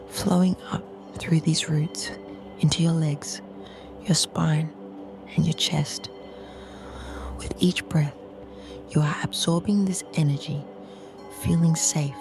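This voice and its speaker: A woman leads a calm grounding meditation as a guide, speaking slowly and soothingly in short, measured phrases with a soft, breathy, half-whispered voice. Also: low voice.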